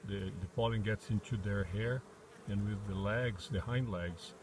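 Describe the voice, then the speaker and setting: The speaker is a beekeeper from Brazil hosting a casual walkthrough of his backyard hives, filmed outdoors in a wooded apiary amid background noise. His voice sits on the low side, steady and a little slow, with a Brazilian Portuguese accent. He's hesitant, restarting often and using many "uh" fillers.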